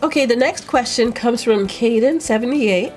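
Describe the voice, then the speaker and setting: A woman's voice: fairly high pitch, normal speed, a little mellow, faint music behind. A woman vlogger, stuffy and sniffling with a cold, rambling in casual chat as she answers viewer questions. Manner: rambling, chatty, with fillers.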